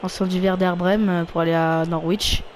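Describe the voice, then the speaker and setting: Calling out player names as he plays a football video game, a French-accented gaming YouTuber offers casual commentary and gets loud when someone scores. He sits high and fairly quick with a flat delivery, over a little hiss or hum.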